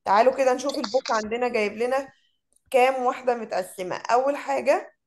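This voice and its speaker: A woman's voice: on the high side, darkish tone, low-quality recording. A woman with an Egyptian Arabic accent teaching an online English lesson, mixing Arabic and English and drawing out words as she models them. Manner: switches between Arabic and English, drawn-out word modeling.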